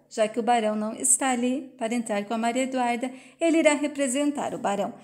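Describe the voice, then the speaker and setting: A woman's voice: on the high side, a little mellow. Woman retelling a soap scene. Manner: plain, present-tense play-by-play. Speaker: narrator.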